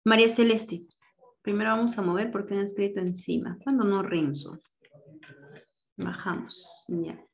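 A woman's voice: mid-range voice, steady tone, normal speed, gravelly, long pauses. Woman teacher, directive online class voice, patient explainer.

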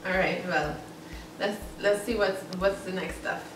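A woman's voice: mid-range voice, a little slow, far from the mic, heavy background noise. Chatty young woman in an echoey room. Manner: chatty, giggly, self-conscious. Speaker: vlogger. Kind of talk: casual try-on haul chat.

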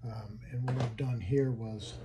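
A man casually walking through his hobby wiring build in a home workshop, halting and thinking aloud as he handles parts. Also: mid-range voice, fairly even intonation, heavy background noise.

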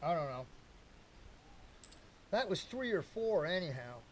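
A man's voice: high-pitched, big pitch swings, a little slow, a little hiss or hum, rough recording. An older man casually talking to camera while building a campfire at a lakeside campsite, chatty and folksy, calling viewers folks. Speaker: camping vlogger. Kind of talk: casual outdoor talk to camera. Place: outdoors at a lakeside campsite fire pit. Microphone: camera-mounted mic from a few meters away.

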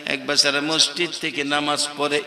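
Male preacher, high and very piercing voice, slow fervent chanting sermon. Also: level tone, echoey room, in a large hall. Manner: fervent, rising to shouts, half-chanted delivery. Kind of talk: impassioned sermon.

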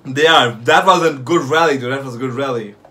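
A young man giving excited live reaction commentary in casual street slang, swearing freely and repeating short phrases. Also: mid-range voice, brisk, slight background noise. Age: young adult. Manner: casual street slang, like "yo", "fam", "bro", "no cap". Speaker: anime reaction host. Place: small bedroom or home room, indoors.

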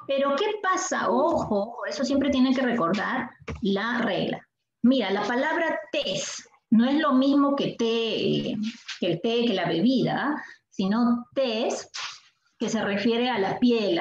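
A woman teacher with a Peruvian Spanish accent, giving a language lesson and asking the class questions, stretching out example words slowly. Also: on the high side, expressive. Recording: echoey room, dull sound, faint noise.

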